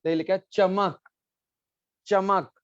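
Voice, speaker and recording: Man teaching a lively online class. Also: sits high, no echo. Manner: repeats words slowly, quizzes students. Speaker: language teacher. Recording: dull lo-fi sound.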